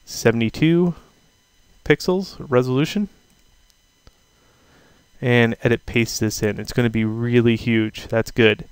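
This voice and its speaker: A man teaching a software tutorial over a screen recording, talking casually and thinking aloud with fillers. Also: mid-range voice, fairly even intonation, measured pace, long pauses, smooth, no echo. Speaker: instructor.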